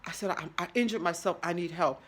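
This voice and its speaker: A middle-aged woman telling a story in casual chat, animated, dramatic and profane. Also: lowish voice, quick pace. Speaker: vlogger.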